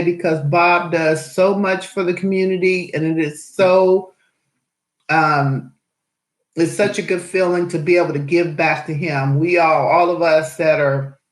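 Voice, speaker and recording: Slow-talking cheerful woman host. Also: on the low side, reverberant, rough recording. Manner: cheerful, chatty, greets viewers. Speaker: aquarium channel host. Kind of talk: casual live-stream chat.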